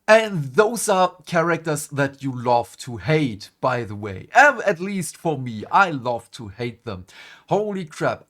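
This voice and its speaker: A man's voice: mid-range voice, a bit bright. A man hosting a gaming channel, ranting animatedly to camera in a groggy morning voice and swearing for emphasis. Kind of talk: casual gaming commentary to camera.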